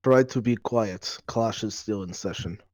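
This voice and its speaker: A man's voice: fairly low pitch, a little slow, darkish tone, a little hiss or hum, natural voice. A man voicing a polite, guarded hobgoblin gatekeeper in a tabletop game. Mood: guarded, formal.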